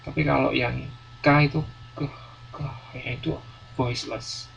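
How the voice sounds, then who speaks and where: A man's voice: mid-range voice, fairly even intonation, normal speed, vocal fry. A male university lecturer teaching a class, explaining patiently and repeating words with many fillers. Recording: dull lo-fi classroom recording, faint noise.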